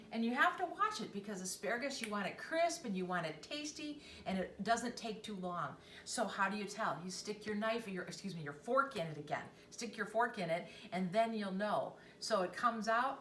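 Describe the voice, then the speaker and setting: A woman's voice: a little high, fairly bright tone, a little hiss or hum. Chatty woman demonstrating cooking in a kitchen. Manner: chatty, enthusiastic, talks to viewers directly. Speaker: cooking show host. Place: home kitchen. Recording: roomy echo, mic at a distance, faint ambience.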